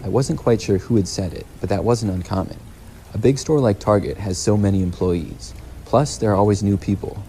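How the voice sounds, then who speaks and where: A man narrating a scripted first-person story in a measured, plain storytelling delivery. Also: fairly low pitch, mellow, slight background noise, low-quality recording. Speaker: narrator of horror stories.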